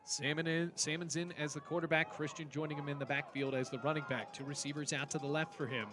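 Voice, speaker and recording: A man's voice: fairly high pitch, fairly even intonation, fast. A man calling live football play-by-play in clipped, descriptive phrases. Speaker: play-by-play commentator.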